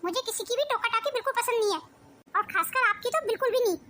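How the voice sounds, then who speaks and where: A woman's voice: very high-pitched, fast talker. A woman playing a defiant young daughter-in-law. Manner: retorting, defiant. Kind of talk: family melodrama acting. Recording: loud background noise.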